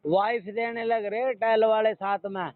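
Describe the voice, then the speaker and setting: Here a Haryanvi-accented man from Haryana, India, plays a customer phoning a helpline for a prank, pressing his point in a blunt, rustic, persistent way. He speaks at a moderate pace in a high, steady voice with no room sound, though the phone recording is tinny and noisy.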